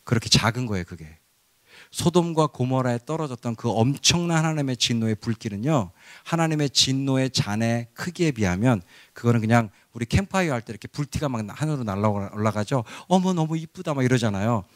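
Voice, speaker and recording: A male pastor preaches with a very lively, swinging pitch. He swells to loud, ringing cries. The sound is dry and close. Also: a little fast, no echo. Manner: animated preaching, rising to loud cries and acted quotes. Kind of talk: sermon.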